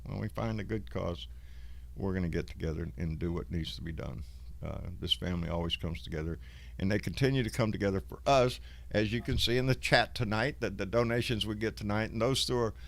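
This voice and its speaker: A man's voice: lowish voice, brisk, creaky. A man with a Southern US accent and a folksy drawl, hosting a casual livestream chat with salty language. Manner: salty, profane. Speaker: host of a live online show.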